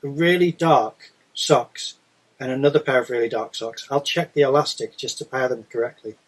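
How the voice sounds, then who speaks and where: A man's voice: mid-range voice, normal speed, low-quality recording. A British man chatting casually as a podcast co-host, explaining himself in a rambling way. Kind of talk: casual chat.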